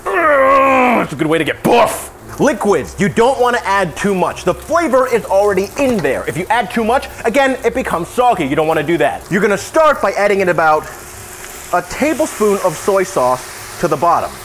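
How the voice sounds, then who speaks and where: A man's voice: high voice, sing-song, brisk. A drunk man giving a casual cooking tutorial, rambling and tossing in joking, self-deprecating asides while he works. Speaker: cooking video host. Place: home kitchen while cooking. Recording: sizzling pan and kitchen noise.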